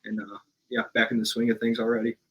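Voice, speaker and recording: A young man from Alabama speaks as a podcast guest, laid-back and matter-of-fact. His voice stays flat, without much rise and fall, at a middle pitch. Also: quick pace, rough recording. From Alabama, USA. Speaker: podcast guest, business owner. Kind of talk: casual interview chat.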